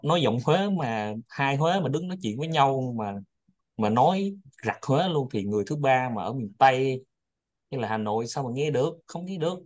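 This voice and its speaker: A man's voice: mid-range voice, a little mellow. A man hosting a study group, chatting casually and rambling, often repeating his words.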